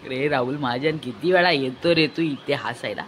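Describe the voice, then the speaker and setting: A woman's voice: very deep voice, normal speed. Woman, comic vlog commentary, teasing, mocking sing-song repeats, laughing often, faint background noise. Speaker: commentary vlogger.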